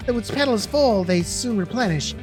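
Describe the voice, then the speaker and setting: A woman voicing a solemn female ghost samurai in a dating game, speaking in a grave, measured way. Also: a little high, animated, faint music behind, close to an everyday voice.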